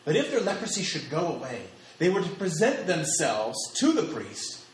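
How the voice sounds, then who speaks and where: Lively, emphatic male preacher. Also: on the high side, moderate pace, a little hiss or hum. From United States. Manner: emphatic, repeats phrases for stress. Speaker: pastor. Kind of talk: sermon. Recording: echoey hall with faint ambience.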